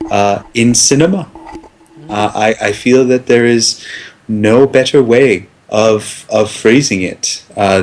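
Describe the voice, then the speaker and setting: A man playing a pompous, fussy academic film critic in an improvised comedy sketch, halting and hesitating constantly. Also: on the low side.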